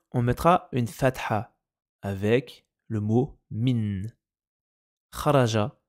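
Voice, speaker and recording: A man teaching a lesson, speaking slowly and deliberately and repeating each example word. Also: mid-range voice, a little mellow. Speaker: Arabic language teacher. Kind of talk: explaining Arabic grammar in French.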